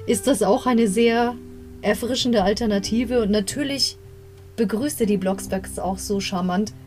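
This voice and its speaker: With a mid-range, somewhat dark voice and a measured pace, a young podcast host reviews an audio drama episode. She recounts it casually and talkatively, drifting into rambling asides and fixing her own words mid-story. Soft guitar music plays faintly.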